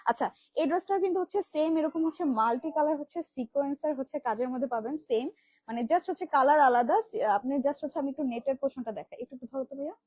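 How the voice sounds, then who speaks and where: A woman from Bangladesh hosting a live stream, showing children's dresses in rapid, filler-heavy sales patter. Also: sits high, darkish tone, no room sound. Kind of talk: live product demo selling kids' dresses. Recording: dull lo-fi livestream audio.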